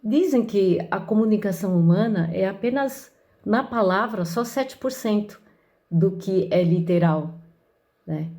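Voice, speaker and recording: A woman's voice: mid-range voice, mellow. A woman preaching a sermon, speaking unhurriedly with frequent fillers and restarts, who mentions her own patients. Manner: slow, unhurried delivery with many fillers. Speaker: counselor with patients.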